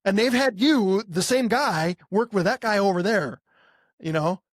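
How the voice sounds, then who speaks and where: Recorded in studio quality with no room sound, this American podcast co-host, a marketing agency owner, speaks in a high voice at an unhurried pace. His casual, conversational talk is full of rhetorical questions and impressions of hypothetical clients.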